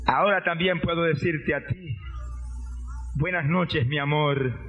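A man voicing a dying elderly mother who speaks softly and tenderly in a sermon story. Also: fairly high pitch, measured pace, voice pushed down, natural voice. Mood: tender farewell. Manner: soft, tender farewell. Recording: dull lo-fi recording, faint music.

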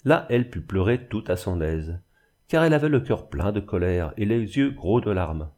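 A man giving a measured, expressive scripted narration of a classic novel as an audiobook reader. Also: on the low side.

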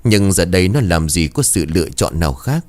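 A man narrating a dramatic story in an expressive, measured way. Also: low-pitched.

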